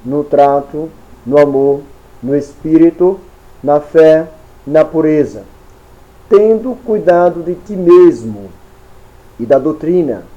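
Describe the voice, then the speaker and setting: A man with a Brazilian Portuguese accent teaching a Sunday school Bible lesson in slow, deliberate short phrases. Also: fairly high pitch, expressive, dark tone, lo-fi sound.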